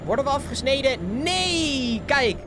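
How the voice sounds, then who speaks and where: Excitable streamer. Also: high-pitched, unhurried, background noise. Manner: excitable, laughs often, drops English slang. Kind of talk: live gameplay commentary.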